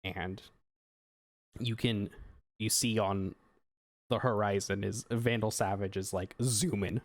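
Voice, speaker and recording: A low-voiced game master runs a tabletop game, describing scenes slowly in loose, rambling sentences packed with fillers and restarts. His intonation is fairly even, and the dry, close-miked sound has no room sound.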